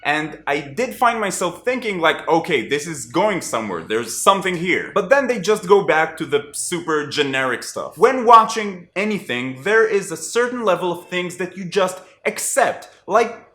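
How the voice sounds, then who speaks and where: A man chatting through a casual TV review vlog in a wry, animated way. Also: high voice, moderate pace, few pauses, roomy sound. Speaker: TV review vlogger.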